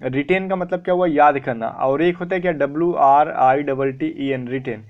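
A man's voice: on the high side, fairly even intonation, moderate pace, phone-quality sound. A young man teaching vocabulary in a casual mix of Hindi and English, asking questions and answering them himself. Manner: chatty, repeats "theek hai", asks and answers his own questions. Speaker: online exam-prep vocabulary teacher.

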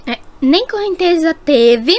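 A woman's voice: sits high, animated, slow, darkish tone. A Brazilian woman voicing a carefree teenage prankster girl in a game roleplay story, laid-back and teasing.

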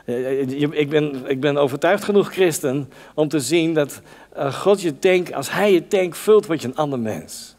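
A man delivers a conversational sermon in a lively way and briefly acts out voices from the Bible story. His voice sits fairly high. The sound rings with the long reverb of a church hall. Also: moderate pace. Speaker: preacher.

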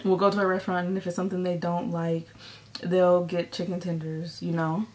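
Young woman talking thru a mouthful, chewing, kinda low voice, rambly chat w faint noise behind. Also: flat delivery, brisk, darkish tone. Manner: chatty, rambling, addresses viewers as y'all. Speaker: vlogger. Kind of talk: casual mukbang chat. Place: indoors, filming herself eating.

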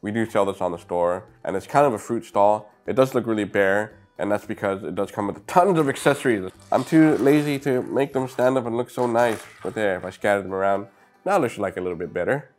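Speaking directly to viewers on a clip-on lapel mic, a slightly sniffly middle-aged man gives a chatty, upbeat toy review. His lowish, darkish voice is animated and a little fast. Shelves of brick sets line the indoor room around him.

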